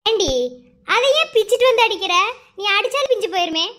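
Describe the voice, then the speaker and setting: Woman voicing squeaky high madurai cartoon girl, bossy village slang, snaps at everyone. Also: animated, fairly bright tone. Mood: bickering. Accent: Madurai Tamil. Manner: scolding, quick village slang. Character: young village women of a family, bickering and tearful. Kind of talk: animated family cartoon dubbing.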